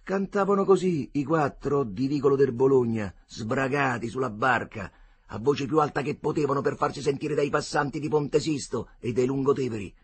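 A man reading a novel aloud as an expressive audiobook narrator, sinking low and soft on quiet images. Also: normal speed, husky. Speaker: audiobook reader.

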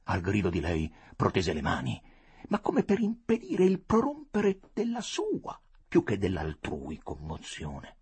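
A man giving an expressive, theatrical audiobook reading of a story. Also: sits low, a little slow, breathy edge. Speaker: narrator.

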